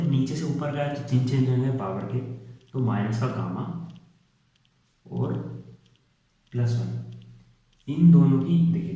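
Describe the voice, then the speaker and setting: A male physics teacher working through derivations step by step, often pausing to check in with his students. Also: medium pitch, warm tone. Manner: explains step by step, often checks with "theek hai". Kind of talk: whiteboard lecture. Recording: echoey room, distant muffled mic.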